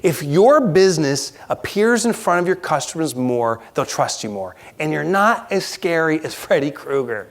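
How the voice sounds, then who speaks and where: Animated man telling a story on stage. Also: fairly high pitch, normal speed, few pauses. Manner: animated, self-mocking, acts out the story. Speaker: keynote speaker. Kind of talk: storytelling keynote talk. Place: large conference hall.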